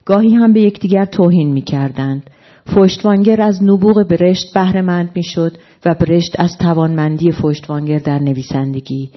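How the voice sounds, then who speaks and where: A woman translator reading a novel excerpt aloud at a literary panel in a calm, measured way, in a dull lo-fi recording. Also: lowish voice. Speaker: translator and guest speaker.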